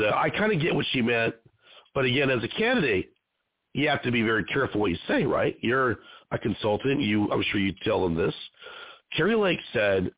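A man hosts an independent show in a mid-pitched, chatty voice, circling around his questions and trailing off mid-thought. The audio is dry and narrow-band, like a phone call. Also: no echo. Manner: rambling, conversational, trails off. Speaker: host and producer of an independent show. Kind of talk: interview hosting. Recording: dry, tinny phone-line sound.

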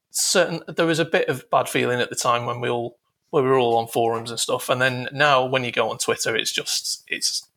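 A man's voice: mid-range voice, vocal fry, a bit bright. A man guesting on a podcast, talking hesitantly with lots of ums and rambling asides. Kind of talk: casual chat.

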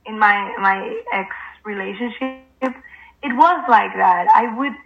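A young woman whose first language is Spanish talks in an earnest, halting way and pads nearly every phrase with "like". Her voice sits at a middle pitch. The sound is a little muffled and lo-fi. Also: vocal fry, fairly bright tone, soft background music. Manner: hesitant, fills with "like" constantly, earnest. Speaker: guest. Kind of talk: casual conversation.

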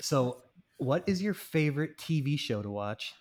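A man's voice: on the high side, lively intonation, unhurried, a little mellow. Guy hosting a chill podcast chat, jokey and easygoing, asks questions. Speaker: podcast moderator. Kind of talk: casual chat.

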